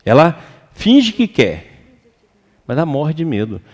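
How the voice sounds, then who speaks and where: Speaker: Brazilian man, high, very expressive lecturer, long hall reverb. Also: measured pace. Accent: Brazilian Portuguese. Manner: animated and colloquial, acts out quoted voices. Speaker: seminar speaker. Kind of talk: lively spiritual seminar lecture.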